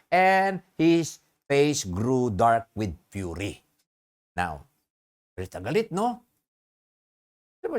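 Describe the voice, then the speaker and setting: Lively preacher giving a sermon. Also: mid-range voice. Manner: asks the congregation rhetorical questions; mixes English phrases into Tagalog.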